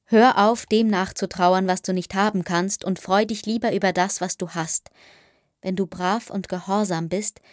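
A woman's voice: mid-range voice, fairly even intonation, moderate pace, no room sound, clean studio sound, lightly acted. A woman reading an audiobook, voicing a stern but kind motherly servant woman who scolds firmly. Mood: scolding. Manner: scolding, firm.

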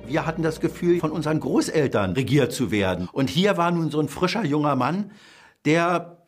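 A man's voice: on the high side, expressive, moderate pace, soft background music. A man speaking as an eyewitness in an archival interview, reminiscing with feeling.

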